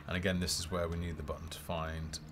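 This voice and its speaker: Quick-paced and low, with little pitch movement, the game developer mutters casual asides while live-streaming a play-through. The background is noisy with game music and unit voices.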